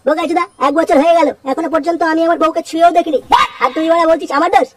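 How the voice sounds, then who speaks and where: A woman's voice: very high-pitched, steady tone, rapid-fire. A woman voicing a harried, foul-mouthed village father in a cartoon, swearing and grumbling. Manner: crude swearing, angry grumbling. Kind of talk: cartoon voice acting. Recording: clear background noise.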